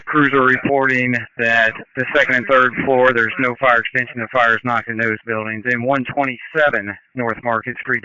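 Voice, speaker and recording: A man's voice: medium pitch, pushed and bright, muffled recording. A man speaking as a fire incident commander over two-way radio, in clipped procedural firefighter radio style, repeating details back to confirm. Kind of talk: fireground radio dispatch. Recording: band-limited firefighter radio transmission.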